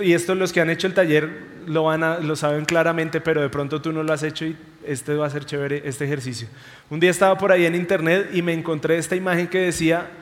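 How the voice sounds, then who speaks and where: Animated preaching man in a reverberant hall. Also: on the high side. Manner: animated, conversational preaching with rhetorical questions. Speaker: pastor. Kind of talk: sermon.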